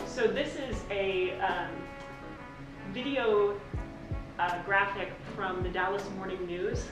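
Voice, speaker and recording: Female American presenter, rushed informal lightning talk, medium pitch, very reverberant and distant sound. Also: fairly even intonation. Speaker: speaker giving a lightning talk. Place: echoey presentation room. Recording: echoey hall, distant pickup, music flagged behind.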